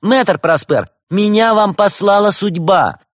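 A man's voice: animated, moderate pace, a little mellow, dry recording, studio quality, natural voice. A man voicing a fussy, self-important female cat sorceress in an audiobook. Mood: shrill. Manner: shrill, demanding, self-important. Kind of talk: audiobook character voice.

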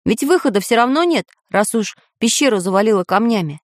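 A woman's voice: on the high side, animated, a little fast, no echo, lightly acted. A practical, matter-of-fact iron handyman from a children's story, voiced by a woman. He talks plainly and a little glumly. The recording is close and dry. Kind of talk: children's audiobook voice acting.

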